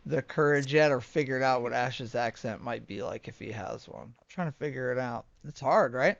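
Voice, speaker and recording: A man's voice: mid-range voice, moderate pace, vocal fry, no room sound. A man playing in a tabletop game, talking in a playful, chatty way, on a dull, dry lo-fi recording. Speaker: player. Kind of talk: casual tabletop chat.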